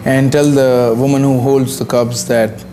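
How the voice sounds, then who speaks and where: A man's voice: mid-range voice, level tone, unhurried, mellow, slight background noise. A man in his thirties from India, speaking unscripted on location as a wildlife campaigner.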